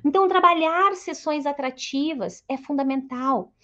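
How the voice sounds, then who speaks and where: A woman psychologist giving a lively motivational talk to colleagues, telling stories and acting out her patients' lines. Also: high-pitched, moderate pace, highs cut off. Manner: storytelling, acts out patients' lines in a raised voice. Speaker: psychologist and course mentor.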